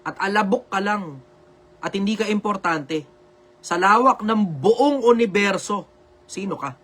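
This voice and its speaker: A man's voice: sits high, a little slow. A man with a Filipino accent, hosting a live video-call show and giving blunt, emphatic advice that he often repeats. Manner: says he speaks loudly on purpose for social media. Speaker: live show host answering viewer questions. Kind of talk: loud, preachy live advice talk.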